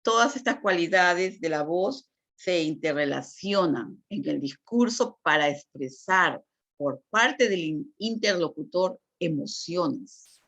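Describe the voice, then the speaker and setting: A woman's voice: lowish voice, expressive, slow pace, fairly bright tone. A woman teacher giving a lecture on communication, explaining patiently and checking in with frequent tag questions. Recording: dull lo-fi recording.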